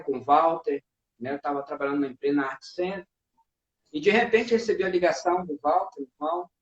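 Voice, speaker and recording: A man earnestly telling his personal testimony as a guest, often adding "né". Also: high voice. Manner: earnest, full of fillers like "né". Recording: echoey, dull-sounding room.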